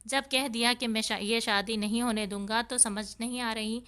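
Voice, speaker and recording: A woman's voice: on the high side, steady tone, sharp tone. Woman reading a stern, cold young man. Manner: curt, scolding.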